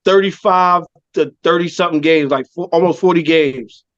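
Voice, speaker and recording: A man's voice: fairly high pitch, normal speed, fairly bright tone, no echo. A man co-hosting a podcast, trading loose, slangy sports banter and laughing often. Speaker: podcast co-host. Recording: dry, dull lo-fi podcast mic.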